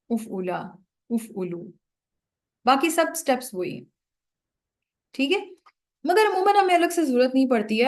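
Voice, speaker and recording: A woman teaches a grammar lesson in a slightly high voice. She explains each step patiently and keeps checking that her students follow. She slows down to read prayers and translate them word by word. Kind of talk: classroom lecture.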